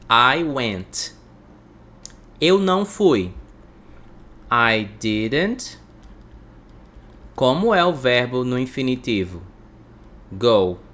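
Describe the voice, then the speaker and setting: A man teaching English to Portuguese speakers, breaking phrases into slow drills and repeating words for the listener. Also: medium pitch, a bit bright.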